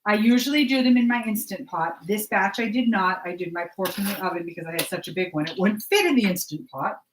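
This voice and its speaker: A woman's voice: mid-range voice, fast, slight background noise, low-quality recording. Chatty woman cooking in her kitchen. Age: middle-aged. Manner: chatty, talks to viewers while cooking. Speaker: cooking vlogger. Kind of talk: casual live cooking chat. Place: home kitchen. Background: clatter of dishes and pans.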